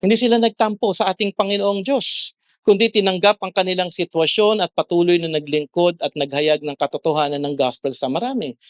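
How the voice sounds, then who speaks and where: Earnest pastor preaching, dry close sound. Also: male voice, sits high, fairly even intonation, brisk, no room sound. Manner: earnest, mixes English into his preaching, rises sharply when exhorting. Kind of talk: sermon.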